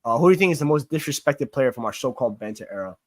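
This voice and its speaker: A young football streamer with a Queens accent, born in Greece and raised in New York, fields chat questions in a casual livestream Q&A. His medium-pitched voice is lively and very fast, and he rambles with many fillers and restarts. The studio-quality recording is dry.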